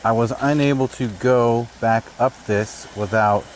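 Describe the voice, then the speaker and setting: A man talks casually as he narrates an outdoor hobby vlog. His voice sits at a medium pitch, caught by a neck-mounted camera in low sample rate audio, with faint ambient noise behind him. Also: measured pace, poor audio. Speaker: RC crawler hobbyist host. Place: outdoors on a trail. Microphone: camera on neck mount, no external mic.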